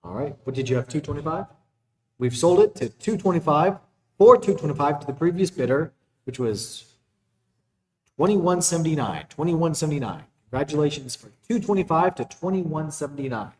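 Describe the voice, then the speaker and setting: A male auctioneer with a fairly high voice chants numbers and bid calls in a repetitive rhythm. He sounds somewhat away from the mic, and the room rings clearly around him. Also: animated, normal speed. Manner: repetitive rhythmic bid calling between plainly announced lots. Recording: roomy echo, distant from the mic.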